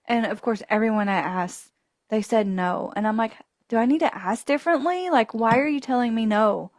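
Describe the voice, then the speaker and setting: A podcast host with a higher-pitched voice speaks at normal speed while telling a travel mishap, laughing a lot and playing out the voices in the story with animation. The recording is dry and studio quality.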